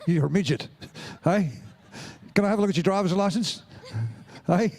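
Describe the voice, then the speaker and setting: A middle-aged Australian man calls a live pony race at an outdoor showground, talking into a handheld mic. His voice sits high and bright for a man, and he teases the young riders and rouses the crowd in a jovial, playful way. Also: normal speed. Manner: jovial, teasing, crowd-rousing. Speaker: ringside announcer. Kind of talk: live event commentary.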